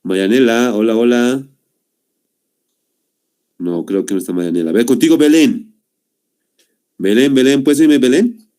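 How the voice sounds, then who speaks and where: A man's voice: medium pitch, lively intonation, unhurried, pauses often, mellow. A young man teaching a class over a video call, explaining patiently and checking in with "¿no?" after each point. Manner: explanatory, repeats "¿no?" and "muy bien". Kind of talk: online class.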